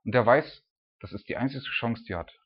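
A man preaching an informal sermon, talking casually with frequent "ne?" tags and sometimes acting out loud, high cries. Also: fairly quick, a little hiss or hum. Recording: dull lo-fi sound.

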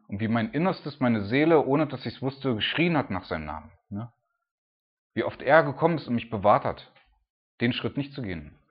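A man preaching an informal sermon, talking casually with frequent "ne?" tags and sometimes acting out loud, high cries. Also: slightly rough. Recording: dull lo-fi sound.

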